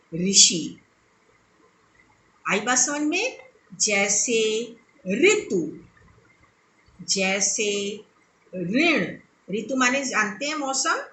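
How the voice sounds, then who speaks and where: A woman teacher giving a recorded lesson to young children, slowly and deliberately saying sounds for them to copy and checking that they understand. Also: on the high side, sharp tone, roomy sound, a little hiss or hum, rough recording.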